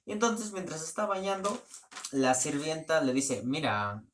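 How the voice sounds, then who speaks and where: A man's voice: fairly high pitch, expressive, normal speed, a little hiss or hum. A man giving a casual spoken plot summary in a loose, rambling way, often restarting his sentences. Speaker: book reviewer.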